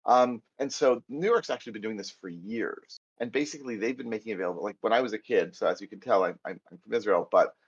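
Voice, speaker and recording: This fast-talking programming instructor from the United States barely pauses while he types and thinks aloud through a chatty, self-deprecating coding lecture. He's middle-aged, with a fairly low, slightly breathy voice, heard through a muffled recording.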